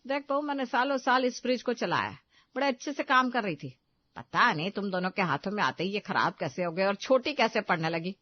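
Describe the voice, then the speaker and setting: A woman voicing a stubborn older mother-in-law who taunts and scolds loudly in a cartoon story. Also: medium pitch, expressive, brisk, dull audio, lightly acted. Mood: accusing. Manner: loud, sharp, taunting.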